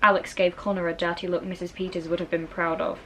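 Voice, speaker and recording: Reading from a children's novel in a storybook narrator's role, this woman speaks fast in a lowish, slightly bright voice with a flat delivery. The clip is noisy with rain behind her.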